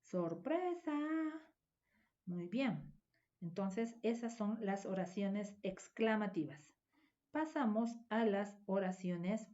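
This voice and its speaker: A woman teaches a grammar lesson at a mid-range pitch and walks through each point in a measured, step-by-step classroom manner. The recording sounds dull and slightly lo-fi, with the top end softened.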